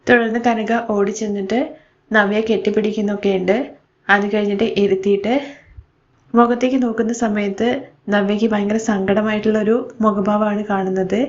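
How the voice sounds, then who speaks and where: A woman tells the story of a serial episode in an easy, conversational way, slipping the characters' lines into her retelling. Her voice sits at an ordinary middle pitch, and the recording sounds a little dull and lo-fi. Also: little pitch movement, fairly quick. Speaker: serial recap narrator.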